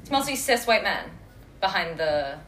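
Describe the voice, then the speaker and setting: Chatty young woman podcast host, lowish voice. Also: very animated, normal speed, a bit bright. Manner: chatty, constant "like" fillers. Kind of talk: casual podcast chat. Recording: roomy room, faint noise.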